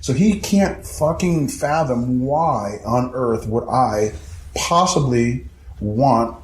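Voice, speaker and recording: Animated, profane man telling a story. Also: mid-range voice, slight background noise. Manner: animated, profane, acts out other people's voices. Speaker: guest storyteller. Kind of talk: casual storytelling. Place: house interior. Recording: echoey room, faint ambience.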